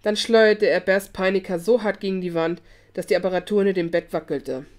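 A woman's voice: mid-range voice, fairly quick. Woman reading a novel aloud. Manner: steady reading with small slips and self-corrections. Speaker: hobby audiobook reader.

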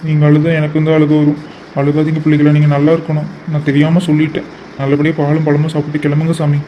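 A man voicing a gentle, emotional father in a cartoon who talks softly and pleads with his daughters. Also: on the high side, completely flat delivery, fast, slight background noise, lightly acted. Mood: consoling. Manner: soft, pleading, consoling. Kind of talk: cartoon voice acting. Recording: muffled lo-fi recording.

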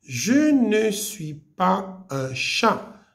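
A woman's voice: mid-range voice, sing-song, drawn-out words. A woman voicing a timid little male dog in a storybook read aloud in class.

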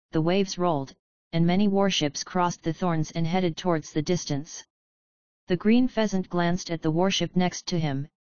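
A woman's synthetic voice narrating an audiobook in a flat, evenly paced reading, recorded with dull lo-fi sound. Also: fairly low pitch, clean tone, no echo.

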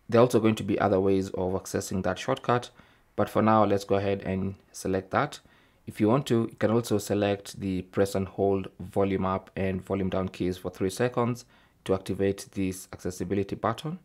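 Walking through a tech tutorial one step at a time, this man speaks in a low voice with a darkish tone. He keeps it methodical and informal, frequently adding "okay" to the end of phrases.

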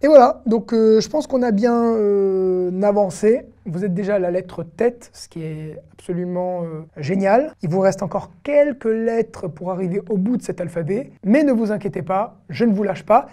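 A woman teaching an online language lesson, spelling out syllables slowly and patiently checking in with her viewers. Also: medium pitch, lively intonation, mellow.

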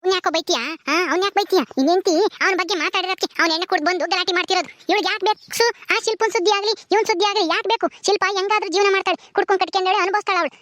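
A sharp-tongued village mother-in-law, played by a woman nagging in a very high, rapid voice. She hammers each point home with a demanding "ha?". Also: fairly even intonation, slight background noise. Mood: scolding. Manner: scolding, nagging, ends lines with "ha?".

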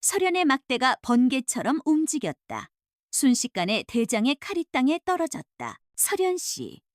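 A woman's voice: high-pitched, big pitch swings, normal speed, dry recording, studio quality. A woman narrating a scripted Korean folktale as the channel's storyteller.

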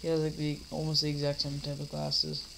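A man's voice: on the high side, completely flat delivery, fairly quick, vocal fry, background noise. A teenage boy coming down with a cold, rambling casually through a home vlog with lots of fillers and restarts. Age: teens. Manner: mock-scolds an imaginary heckler. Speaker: vlogger. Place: dim living room, seated in a recliner.

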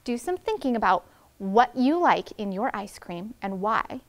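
A very animated woman in her thirties, a first grade teacher, reads to young children indoors in a classroom at a measured pace. She speaks at a medium pitch and carefully enunciates the big words.

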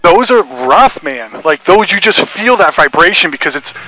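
A man's voice: high-pitched, very animated, moderate pace, bright, forceful tone, rough recording. A middle-aged man chatting casually and enthusiastically while test-driving a vehicle he built, speaking through a headset. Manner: enthusiastic, exclaiming. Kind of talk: casual chat. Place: inside a tracked vehicle cab, outdoors in snow. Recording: music playing under the voice.

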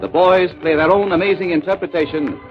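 A man's voice: sits high, fairly even intonation, a little fast. A male announcer giving scripted promotional narration, heard as an old 1930s radio broadcast. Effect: old 1930s radio broadcast sound. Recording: dull lo-fi 1930s radio recording with music.

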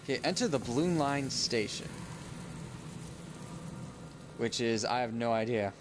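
A man's voice: mid-range voice, animated, unhurried. Young male gamer narrating his playthrough casually, trips over his words, audible background noise. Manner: rambling, self-correcting, muttering to himself. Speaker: let's play gamer. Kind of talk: casual gameplay commentary. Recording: home recording with noise.

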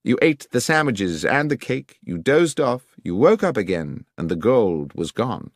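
A man voicing a brisk, incisive male detective in a dramatised audiobook, precise and emphatic, with a coolly sardonic edge. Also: mid-range voice, big pitch swings, no room sound, clean studio sound, voice pushed up. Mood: probing.

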